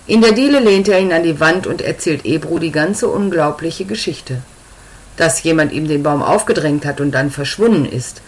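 A woman narrating a story in a calm, even reading voice. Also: deep voice, poor audio.

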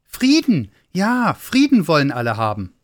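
Little excited Santa as put on by a male narrator, high breathless voice, storybook reading. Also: a little fast. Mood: eager. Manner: eager, breathless and stammering. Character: small excitable young male Santa elf.

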